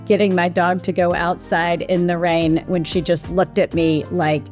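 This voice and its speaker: A woman's voice: on the low side, unhurried, darkish tone, faint music behind. A woman guest on an interview podcast, an executive chatting in an easygoing, good-humored way. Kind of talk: casual interview chat.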